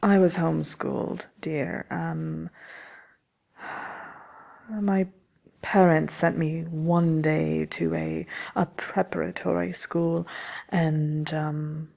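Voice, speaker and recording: A wicked witch, played by a woman, murmurs through a soft ASMR fairy-tale chat show. Her voice is very low, breathy and husky, with a gravelly creak that often sinks toward a whisper. She is smug, envious and slyly haughty, lingering over hesitant pauses. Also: fairly even intonation, full character voice. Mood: dryly menacing. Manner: sly, haughty, hesitant with many drawn-out pauses. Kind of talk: ASMR roleplay, soft-spoken chatty answers to listener questions.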